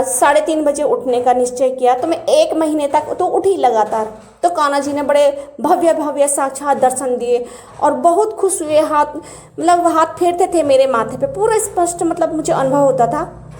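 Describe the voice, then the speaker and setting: Woman, high mellow voice, earnest devotional storyteller, echoey room. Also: moderate pace. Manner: earnest and animated, acts out quoted words. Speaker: devotee sharing spiritual experiences. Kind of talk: personal storytelling.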